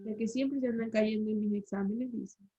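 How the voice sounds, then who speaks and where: A woman's voice: on the high side, steady tone, fairly quick, dark tone, breathy edge, faint music behind. A woman teacher giving an online language lesson, explaining rules and quizzing the class with questions over a video call. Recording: slightly dull lo-fi call audio.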